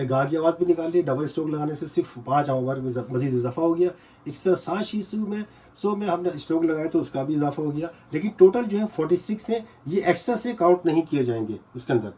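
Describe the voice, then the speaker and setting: A man teaching a casual lesson, slowly explaining and repeating syllables again and again. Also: fairly high pitch, dark tone. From Pakistan. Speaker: language teacher.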